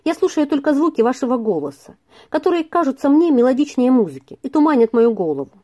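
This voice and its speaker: A woman reading aloud and voicing a gentle young man who speaks earnestly and with trembling feeling. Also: high-pitched, big pitch swings, fast, pitched above the performer's own voice. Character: gentle young male tutor in love.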